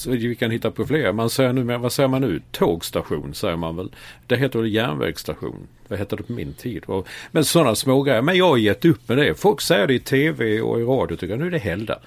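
A male co-host with a creaky, mid-pitched voice in casual conversation. He rambles and doubles back, often leaving a thought half finished. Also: lively intonation, no echo. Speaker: podcast co-host.

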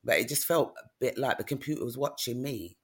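A middle-aged woman tells a personal story in a relaxed conversation, candid and plain-spoken. Her voice is gravelly and a little husky, and she keeps checking in with "do you know what I mean?". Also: very deep voice, fairly quick. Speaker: guest, author.

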